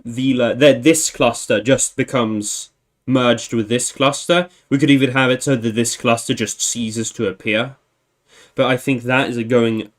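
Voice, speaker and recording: A man hosting a livestream, casually thinking aloud, often correcting himself and chuckling. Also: mid-range voice. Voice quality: meandering, self-correcting, chuckling. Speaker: livestream host.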